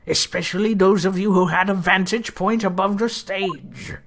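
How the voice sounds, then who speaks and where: A woman's voice: medium pitch, natural voice. Woman doing a formal, stern court judge. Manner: formal, measured. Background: game music.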